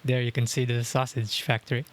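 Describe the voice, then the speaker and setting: There's slight background noise as this young streamer, mid-range and level in tone, chats a little fast during a gaming livestream. His talk is rambling, full of fillers and frequent chuckles, picked up by a dynamic mic at home over game music.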